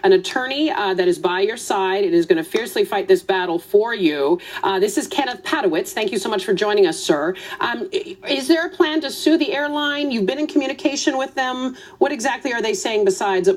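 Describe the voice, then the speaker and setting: A woman's voice: medium pitch, brisk, hardly any pauses. A woman hosting a news interview, empathetic and encouraging toward her guest. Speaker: news show host. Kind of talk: broadcast interview.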